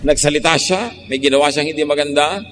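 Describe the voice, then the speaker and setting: A man with a Filipino accent, a pastor preaching a sermon, shifting between slow, calm teaching and lively mock quotes. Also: a little high. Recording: long hall reverb, faint traffic noise.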